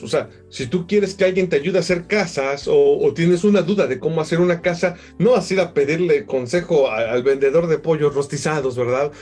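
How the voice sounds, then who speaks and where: Husky pastor preaching. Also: male voice, on the high side, darkish tone. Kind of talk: sermon.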